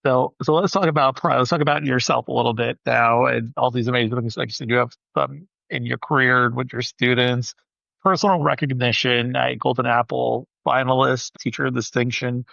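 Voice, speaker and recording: A man's voice: medium pitch, steady tone, brisk, creaky, a bit bright, dry recording. A man hosting a teacher podcast, talking earnestly and a little ramblingly, doubling back on his words. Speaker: podcast host. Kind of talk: interview podcast conversation. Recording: dry, slightly dull podcast audio.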